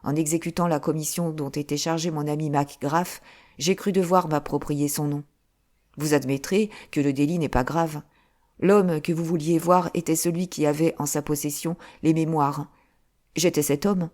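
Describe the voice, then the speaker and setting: A woman reading an audiobook, voicing a calm young adventurer with a dry, witty manner, close to her own voice. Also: low voice, normal speed, close to an everyday voice.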